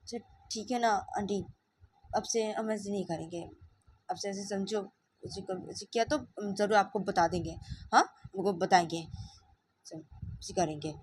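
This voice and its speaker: A woman voicing a young friend who apologizes softly and keeps saying sorry. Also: medium pitch, moderate pace, long pauses, slight background noise, natural voice. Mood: apologetic quiet. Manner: soft, apologetic, repeats sorry.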